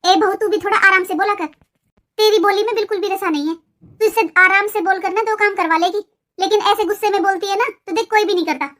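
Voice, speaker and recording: A woman's voice: very high-pitched, steady tone, fast talker, fairly bright tone. A woman voicing a mother-in-law in a cartoon, a grandmother who lectures and advises her daughters-in-law. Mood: lecturing. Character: mother-in-law, scolding but caring grandmother. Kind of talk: cartoon voice acting.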